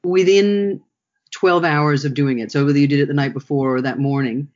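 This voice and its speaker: A man, a workshop trainer, talking through his ideas in a relaxed interview, often restarting his sentences as he thinks. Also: fairly high pitch, moderate pace, highs cut off. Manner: reflective, thinks aloud with frequent restarts.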